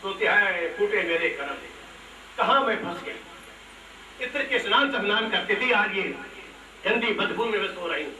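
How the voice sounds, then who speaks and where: A man voicing a plaintive goddess wife, high-pitched. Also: animated, normal speed, long pauses, pushed and bright, full character voice. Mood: lamenting. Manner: plaintive, repeating her lament. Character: goddess Parvati, royal-born wife lamenting her lot. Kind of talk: devotional storytelling. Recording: echoey hall, distant mic, noisy.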